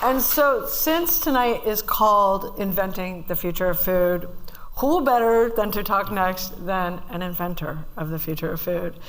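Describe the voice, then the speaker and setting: A woman's voice: medium pitch, measured pace, a little hiss or hum, poor audio. A woman moderating a panel discussion, chatting in an upbeat, conversational way and introducing the next speaker. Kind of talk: event moderation.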